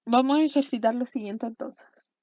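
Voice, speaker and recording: A woman's voice: fairly high pitch, normal speed, dark tone, dry recording. A woman teacher giving an online class, explaining step by step and often checking in with her students. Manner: patient, step-by-step explaining with frequent check-ins. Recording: dull lo-fi sound.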